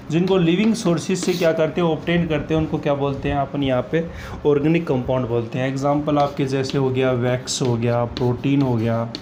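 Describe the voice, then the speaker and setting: A man teaching chemistry in a slow classroom lecture, who asks questions and answers them himself, repeats key terms and mixes in English phrases. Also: on the high side, darkish tone, slight background noise.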